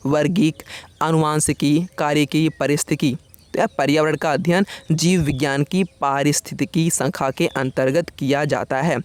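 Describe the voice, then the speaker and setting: A male coaching teacher running a fast exam-prep quiz. He reads each question and its options in a quick list, then gives the answer in a casual, friendly way. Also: on the high side, steady tone, no echo. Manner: quick, casual, keeps saying "yaar" to the viewer. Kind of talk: rapid-fire quiz revision lesson.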